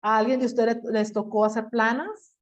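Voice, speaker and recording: A woman's voice: fairly high pitch, fairly even intonation, moderate pace. A woman teacher, lecturing an online class over a video call and quizzing her students with everyday examples.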